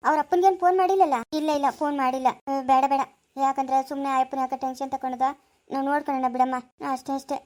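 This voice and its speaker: A woman's voice: high voice, steady tone, racing, darkish tone. A woman with a Chikkaballapur Kannada accent acting in a rural family skit, talking in a scolding and soothing manner. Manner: scolding, soothing, talks over others. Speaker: village mother in a family skit.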